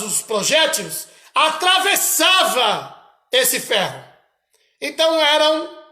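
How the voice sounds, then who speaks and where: A man from Brazil with a Brazilian Portuguese accent, preaching slowly and emphatically about a vision, repeating his phrases. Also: extremely high pitch, sharp tone, roomy sound. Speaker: missionary preacher. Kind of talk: sermon recounting a vision.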